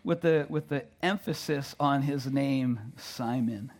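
A man preaching through an interpreter, halting, repeating words and often checking in with "right?" and "you know". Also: mid-range voice. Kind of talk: sermon delivered through an interpreter.

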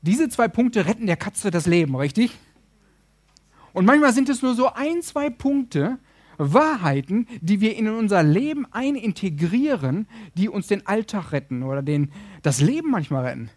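A preacher man with a high voice delivers his sermon to the congregation. He tells stories vividly and acts out the characters' voices. The recording is dry and close, with little sound from the room. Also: normal speed, dry recording. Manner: lively storyteller, acts out voices. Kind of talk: sermon with storytelling.

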